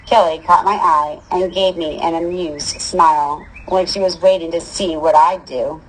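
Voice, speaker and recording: A woman's voice: lowish voice, steady tone, moderate pace, slight background noise, poor audio. A woman reading a first-person story aloud in a casual, wry manner. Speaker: audiobook reader.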